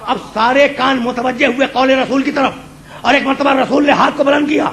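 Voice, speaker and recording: Guy preaching a fiery sermon, keeps repeating himself and shouting at the peaks, gravelly voice. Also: very high-pitched, fairly even intonation, slight background noise. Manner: repeats phrases, addresses listeners as brother, builds to shouted peaks. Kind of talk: impassioned Urdu sermon storytelling. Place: religious gathering before a live audience.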